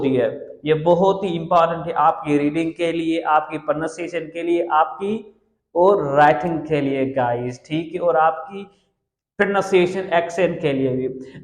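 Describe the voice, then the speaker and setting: A man with a somewhat high voice teaches a classroom lecture, saying each word several times and spelling it out letter by letter. The room rings with a long, echoey reverb around him. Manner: repeats words slowly, spelling letters aloud. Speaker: English teacher.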